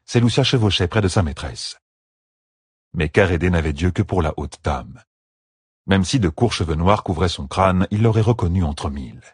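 Deep husky male audiobook narrator. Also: no echo, clean studio sound. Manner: steady, expressive reading.

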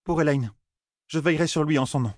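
A man's voice: fairly high pitch, brisk, no room sound, studio quality, pitched above the performer's own voice, lightly acted. A man voicing a proud, fierce young woman warrior who bursts out or gives in grudgingly, in a fantasy audiobook. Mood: defiant.

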